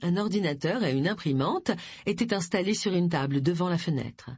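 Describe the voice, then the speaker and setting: An audiobook narrator reading a crime novel in a measured, expressive way, with a husky voice. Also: mid-range voice, no room sound. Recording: dry close audiobook recording.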